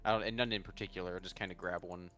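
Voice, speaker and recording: A man's voice: sits low, fairly even intonation, rapid-fire, pushed and bright, faint music behind. A man playing a tabletop game in casual talk, hesitant and repeating himself. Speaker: player.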